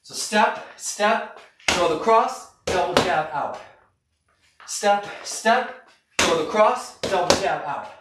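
A man's voice: high-pitched, lively intonation, slow. A middle-aged man coaching a live boxing workout with short, punchy, encouraging cues while hitting a punching bag. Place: garage gym, indoors, camera several metres away. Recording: echoey noisy garage, far from mic.

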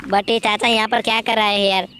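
A man's voice: high-pitched, level tone, brisk, pushed and bright. A man voicing a boastful, bossy young man who brags and orders others around, as gaming commentary in character. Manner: bragging, impatient, bossing others around. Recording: noisy background.

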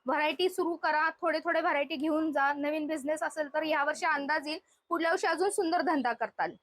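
A woman hosts a shopping vlog, showing products to viewers and chatting with the seller in a spontaneous, conversational way. Her voice sits high and is fairly quick and fairly bright.

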